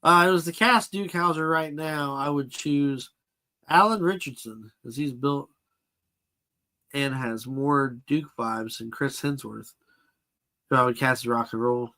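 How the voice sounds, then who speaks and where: A man's voice: mid-range voice, unhurried, sharp tone. A man hosting a casual live chat about toys and films, answering viewers' comments as he goes. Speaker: toy collector channel host.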